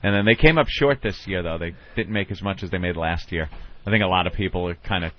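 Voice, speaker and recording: A man's voice: low-pitched, fast, lo-fi sound. A male radio host, bantering in a wry, mocking way. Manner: wry, mocking, drops into mimicking voices. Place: radio studio.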